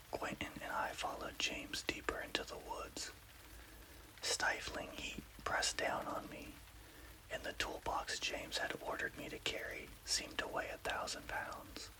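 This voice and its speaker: Male ASMR horror narrator, whispers throughout with no voicing, careful storyteller's delivery over rainfall. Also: low-quality recording. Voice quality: unvoiced, breathy whisper.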